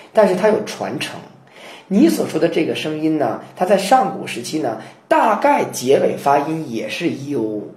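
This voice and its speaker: Animated male chanting teacher, roomy echo. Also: medium pitch. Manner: animated explanation with chanted verse examples. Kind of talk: lecture on chanting classical poetry.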